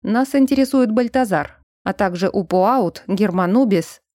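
Woman reading a steady, gently teasing young man, mellow and patient. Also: mid-range voice, measured pace, dry recording, clean studio sound, lightly acted. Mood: calm. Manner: calm, patient instructor.

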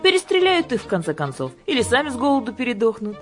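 A woman's voice: a little high, very animated, fast talker, music in the background, voice pushed up. A woman doing a coaxing, sly wife. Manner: coaxing, gently persuasive.

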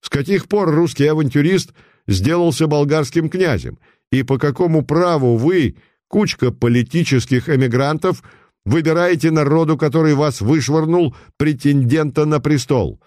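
A man's voice: on the high side, no room sound, pitched above the performer's own voice, close to an everyday voice. Guy doing a cool sarcastic detective, never rattled, dry sound. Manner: calm, sarcastic, measured. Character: cool unflappable male police detective.

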